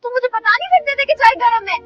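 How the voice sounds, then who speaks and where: A spoiled young wife in a TV drama with a very high, lively voice that jumps around. She is demanding and dramatic, slips in English words, and there is music under her. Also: quick pace, no echo, highs cut off. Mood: fussy. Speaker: newlywed wife. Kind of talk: TV drama acting.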